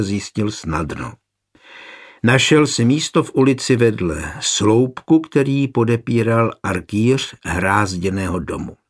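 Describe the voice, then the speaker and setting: A man reading a historical novel aloud as an audiobook narrator, in a calm, even storytelling manner. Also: mid-range voice.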